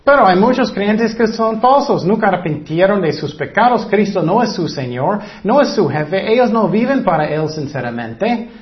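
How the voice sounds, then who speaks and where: A man preaching a sermon in an expressive way, acting out voices in his stories, with slightly non-native phrasing. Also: sits high, normal speed, hardly any pauses. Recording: dull lo-fi sound.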